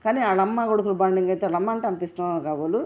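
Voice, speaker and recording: A woman's voice: medium pitch, rapid-fire, a little mellow. A woman giving a casual episode analysis of a reality show, indignant and firing off rhetorical questions.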